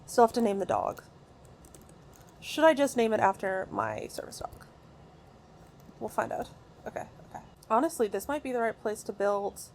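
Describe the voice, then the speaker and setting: A woman giving casual, excitable gameplay commentary from her recording room at home, rambling with many fillers and restarts. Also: a little high, moderate pace, gravelly, long pauses, a little hiss or hum. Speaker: gaming video creator.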